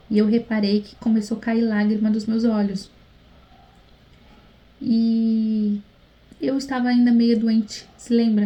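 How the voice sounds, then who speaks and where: A woman's voice: mid-range voice, mellow, rough recording. A woman tells a faith testimony in a casual vlog, earnest and chatty, often speaking straight to her viewers. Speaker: YouTuber sharing a faith testimony. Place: at home late at night, husband in the next room.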